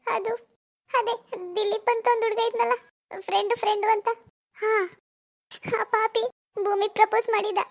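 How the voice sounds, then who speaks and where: A woman voicing a sorrowful young woman who tells of a friend's death and consoles another in an animated village drama. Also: extremely high pitch, normal speed, creaky, long pauses. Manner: consoling, explaining.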